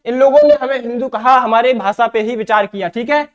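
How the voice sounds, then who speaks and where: A man's voice: very high-pitched, a little fast. Man teaching with self-asked questions. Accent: Hindi from eastern Uttar Pradesh. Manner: repeats himself, asks and answers his own questions. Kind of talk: exam-prep lecture.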